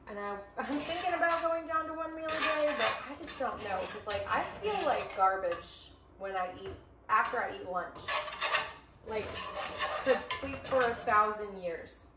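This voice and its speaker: Her voice sits on the high side here, lively in intonation and at a normal speed, as the young vlogger chats while making lunch and cracks jokes at her own expense. Recorded on a camera mic a few feet away, the kitchen sounds echoey with soft cooking noise.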